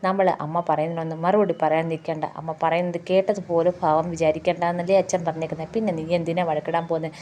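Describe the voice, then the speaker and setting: A woman with a Malayali accent, quickly retelling a TV serial episode and quoting each character's lines in her own voice. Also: sits low, level tone, warm tone.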